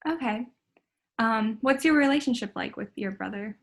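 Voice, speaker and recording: A woman's voice: fairly high pitch, normal speed, gravelly. A young woman running a student clinical interview, friendly and tentative, with frequent ums.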